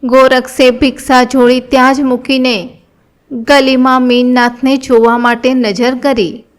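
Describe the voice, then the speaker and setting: A woman with a Gujarati accent reading a devotional scripture story in an even, measured way. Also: high voice. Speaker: narrator.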